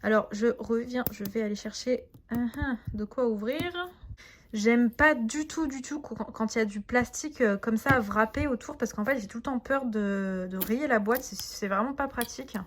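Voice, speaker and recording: A tarot and oracle deck reviewer does a casual unboxing in a fairly high-pitched voice at normal speed, with slight background noise. She's chatty and enthusiastic, hesitating often as she reads English card names aloud and translates them.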